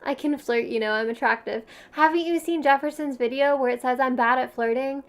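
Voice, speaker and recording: Speaking briskly in a high register, a young livestream host with a Valley Girl accent keeps things casual and slangy. "Like" turns up in nearly every sentence, and she giggles between phrases a lot.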